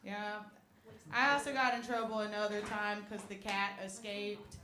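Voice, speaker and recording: A young woman performing a stand-up comedy set in a comedy club, with a deadpan, self-mocking delivery on a handheld mic. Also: mid-range voice, normal speed. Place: comedy club stage with audience. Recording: echoey room with audience noise.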